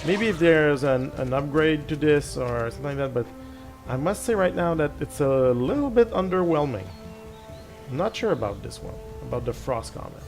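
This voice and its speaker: With game music in the background, this gaming channel host, a middle-aged man whose native language is French, talks in a fairly high, animated voice at a normal pace. He comments loosely on the game while playing, musing aloud, starting over, and poking fun at himself.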